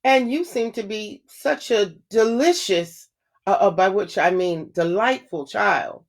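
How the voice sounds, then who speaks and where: A woman's voice: mid-range voice, expressive, vocal fry. A woman voicing a sly, hungry male wolf who talks with false politeness in a storybook read-aloud. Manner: silky, falsely polite, slowing to a menacing hush.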